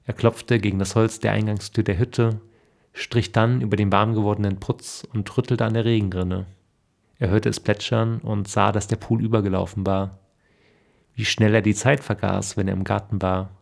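A man reading a story aloud in calm, even scripted narration. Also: fairly low pitch, normal speed, vocal fry. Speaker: reader.

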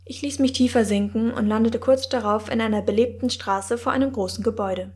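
A woman narrating a first-person fantasy audiobook in a wry, measured manner. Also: fairly high pitch, steady tone, a little mellow.

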